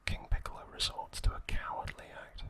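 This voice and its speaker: Close to the microphone, a man runs his ASMR channel in an unhurried, hesitant whisper. He alternates between reading episode summaries and talking with viewers.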